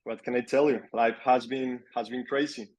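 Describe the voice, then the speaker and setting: A man's voice: mid-range voice, normal speed. Young Colombian man chatting casually. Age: young adult. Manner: relaxed, repeats words for emphasis. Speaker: guest, agency owner. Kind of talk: casual interview chat.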